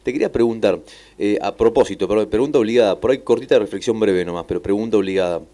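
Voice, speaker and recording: An Argentine man, a radio announcer, asking interview questions in an unhurried, repetitive way in a studio. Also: on the low side, mellow. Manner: friendly, unhurried, repeats phrases.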